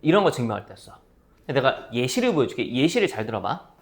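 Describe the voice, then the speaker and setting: Here a man lectures a math class in a fast, mid-range voice with vocal fry. He keeps things lively by telling playful stories and performing the voices of his students.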